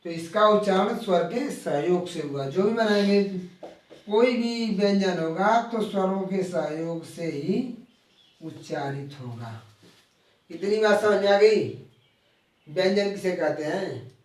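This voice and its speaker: A man teaching a grammar lesson live, explaining slowly and repeating key terms while drawing out the example sounds. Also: high-pitched, lively intonation. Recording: very echoey room, voice from far off the mic.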